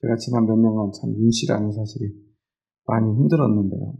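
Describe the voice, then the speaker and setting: Gravelly-voiced Korean pastor preaching conversationally. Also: male voice, lowish voice, steady tone, quick pace, mellow, highs cut off. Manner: conversational preaching with questions to the congregation. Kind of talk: sermon.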